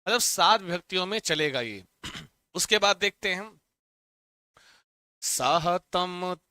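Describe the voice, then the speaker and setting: Male teacher, crisp resonant voice, dry close sound, chants forms and coaxes students to repeat. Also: sits high, sing-song, moderate pace, sharp tone, dry recording. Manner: drills students, chants word forms in rhythm; addresses students directly, urging them to repeat aloud. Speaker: Sanskrit teacher. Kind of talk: online exam-prep lesson.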